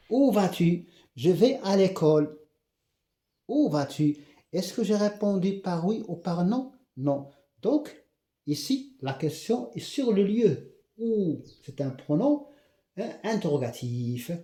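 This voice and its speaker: A man with a Moroccan accent teaching a grammar lesson, repeating example questions slowly and often checking that the class has understood. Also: a little high, mellow, echoey room. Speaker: French teacher.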